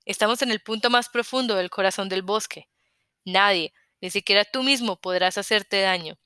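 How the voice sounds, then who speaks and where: A woman reading a calm, detached tall soldier. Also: mid-range voice, moderate pace, smooth, dry recording, studio quality, natural voice. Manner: unconcerned, matter-of-fact.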